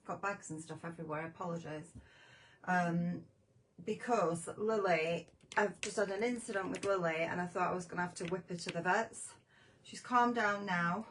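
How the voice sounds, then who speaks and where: A woman's voice: lowish voice, normal speed, a bit bright, slight background noise, rough recording. A woman hosting a casual live stream from home, shaken and flustered, talking in a rambling, chatty way. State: shaken after a scare. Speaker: craft show host.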